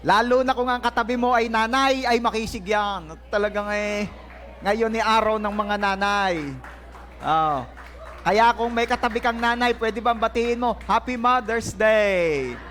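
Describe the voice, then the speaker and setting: A man's voice: sits high, normal speed, fairly bright tone, slight background noise. A man preaching a sermon in a church, joking with the congregation in a playful way. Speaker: pastor. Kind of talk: lively sermon. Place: church hall. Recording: church service with faint crowd. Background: congregation laughing and responding.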